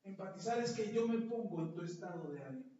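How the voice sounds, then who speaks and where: A man's voice: sits high, expressive, fast talker, warm tone. A male pastor preaching a sermon, asking the congregation rhetorical questions and acting out the voices he quotes. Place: church. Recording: echoey church hall, mic far off, dull and noisy.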